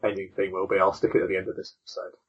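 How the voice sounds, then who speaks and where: Podcast host with a tinny, lo-fi voice. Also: male voice, low voice, completely flat delivery, very fast, vocal fry, slightly rough. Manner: chatty, rambling while clicking through links. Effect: tinny, lo-fi wrong-microphone sound. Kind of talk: casual chat reading news. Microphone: online call. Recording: tinny lo-fi online call mic.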